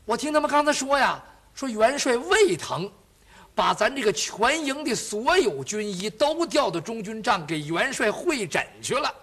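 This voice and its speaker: A man's voice: extremely high pitch, very animated, a bit bright, husky, heavily acted. A man doing a fussy, gabbing servant boy. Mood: fussing chatty. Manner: quick, colloquial, fussing. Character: chatty young male servant, fussing, gossipy.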